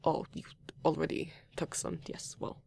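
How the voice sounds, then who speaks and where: A man voicing a reserved, formal and caring partner in a comfort roleplay, speaking softly with hesitant restarts and few contractions, at times in a whisper. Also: normal speed, natural voice. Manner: soft-spoken, at times whispering. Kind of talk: comfort roleplay addressed to the listener.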